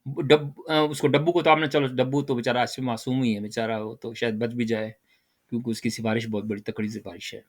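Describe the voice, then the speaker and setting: An older man giving casual political commentary, animated and rhetorical, addressing his listeners directly. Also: mid-range voice. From Pakistan.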